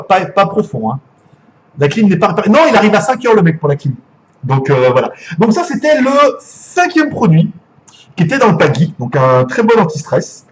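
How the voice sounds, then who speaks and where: Excitable French man unboxing gadgets. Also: sits high, dull audio, slight background noise. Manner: excitable, chatty, jokey, swears casually. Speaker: gadget reviewer. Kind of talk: live unboxing.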